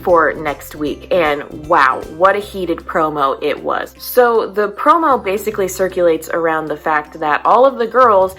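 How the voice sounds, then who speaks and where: Chatty young woman recapping, low voice. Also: animated, measured pace, hardly any pauses, a bit bright, faint music behind. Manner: chatty, exasperated, acts out scenes. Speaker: vlog host. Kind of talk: casual recap chat.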